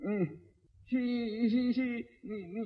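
A dim-witted young bridegroom who stutters and repeats his words in a soft mumble, as a male storyteller puts him on. He sounds rather high for a man. The old recording is dull and has a long reverb. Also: steady tone, takes it slowly. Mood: stammering dim. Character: stammering slow-witted young rich husband.

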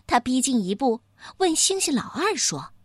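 A woman narrating a children's storybook in a slow, expressive storytelling manner. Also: high voice, husky, no room sound, clean studio sound.

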